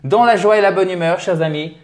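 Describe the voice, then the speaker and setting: Energetic, chatty male language teacher. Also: high voice, fairly quick. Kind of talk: lively video lesson.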